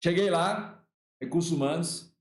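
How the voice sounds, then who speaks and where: A Brazilian man with a fairly high voice teaches law through a chatty personal story. He acts out the dialogue and often repeats his words. The room around him sounds echoey. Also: measured pace. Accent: Brazilian Portuguese. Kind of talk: lecture with a personal anecdote. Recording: roomy echo.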